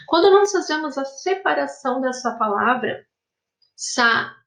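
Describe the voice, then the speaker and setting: A woman teaches a recorded lesson to young pupils in a high, clear voice. She explains patiently, one step at a time, and keeps checking that they follow. Her voice rings in a noticeably echoey room. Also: animated, unhurried, fairly bright tone. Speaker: primary school teacher. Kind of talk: recorded remote lesson for fifth graders.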